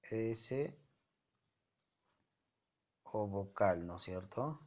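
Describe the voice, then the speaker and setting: A man's voice: fairly low pitch, expressive, extremely slow, a little mellow. A male teacher explaining a grammar lesson to his students, often checking their understanding with rhetorical questions. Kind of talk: online class lesson.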